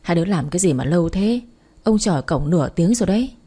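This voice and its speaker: A woman's voice: fairly low pitch, expressive, quick pace, dark tone, husky. A woman voicing an impatient, fussing old grandfather in a spoken story. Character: older grandfather, eager and impatient.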